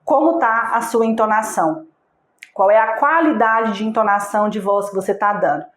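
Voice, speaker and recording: A woman's voice: medium pitch, moderate pace, echoey room. A woman teaching a recorded online lesson. She speaks patiently, asks the viewer direct questions, and checks in with short tags. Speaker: online course instructor.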